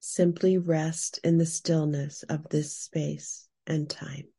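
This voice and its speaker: A woman leading a scripted guided meditation in a soft, breathy, hushed and soothing spa-like manner. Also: low-pitched, little pitch movement, slow.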